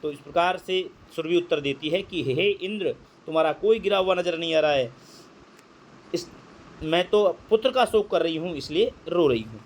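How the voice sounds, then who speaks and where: A man's voice: fairly high pitch, lively intonation, a little hiss or hum. Man teaching Sanskrit line by line. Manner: reads Sanskrit slowly, then explains in Hindi. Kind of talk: line-by-line translation lesson.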